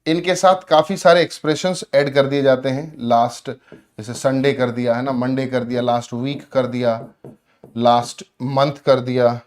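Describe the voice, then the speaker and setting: A man's voice: mid-range voice, little pitch movement, a little slow. A man teaching English grammar for exams. He asks his own questions, answers them step by step, and calls his students friends. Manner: addresses students as friends and brother. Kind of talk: exam-prep grammar lesson.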